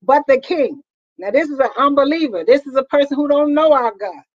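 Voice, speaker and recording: A woman's voice: high-pitched, brisk. A woman preaching a fervent sermon, repeating her points and asking the congregation questions. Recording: dull lo-fi recording.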